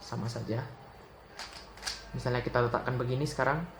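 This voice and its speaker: A young man gives a casual step-by-step puzzle tutorial. He talks in a relaxed way and calls out move notation one move at a time. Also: mid-range voice, brisk, gravelly. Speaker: Rubik's cube tutor. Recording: echoey room with audible noise.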